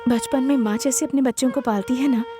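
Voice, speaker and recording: A woman's voice: high voice, steady tone, fairly quick, over music, natural voice. Woman voicing a meek devoted wife. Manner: pleading, submissive. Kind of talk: Hindi film dub acting. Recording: dubbed film with loud score.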